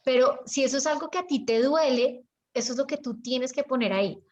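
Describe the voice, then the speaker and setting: Colombian woman, business coach on a video call, animated, raised pitch, dull lo-fi audio. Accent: Colombian Spanish. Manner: chatty and animated, acts out examples with pauses and lowered tone. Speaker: business coach leading an online workshop.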